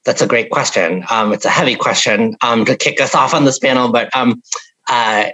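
A woman's voice: extremely low pitch, normal speed, fairly bright tone, husky, low-quality recording. A woman from upstate New York speaking on a panel in a thoughtful, hesitant way with many "um"s. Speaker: panelist, advocacy director. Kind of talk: panel discussion.

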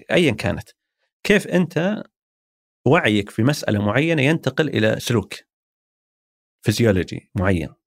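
A former marketing executive with a Saudi accent, interviewed as a guest, talks in a reflective, conversational way and explains his thinking through everyday examples. His voice sits fairly low and carries vocal fry. The recording is dry.

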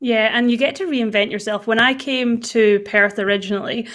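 A woman with a Highland Scottish accent hosting a casual interview, chatting and thinking aloud as she goes. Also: moderate pace, a bit bright. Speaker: interviewer, host.

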